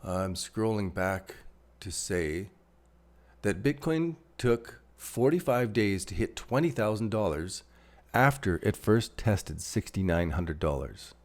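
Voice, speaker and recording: A crypto livestream host with a Canadian accent speaks slowly in a lowish, animated voice. In a casual, rambling stream he thinks aloud while drawing on charts and answers viewers' chat.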